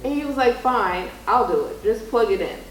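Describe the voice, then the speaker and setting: With a fairly high, lively voice at a moderate pace, a young vlog host chats with her mother, spinning casual stories and performing the dialogue herself. Echo from the room and background noise are audible in the recording.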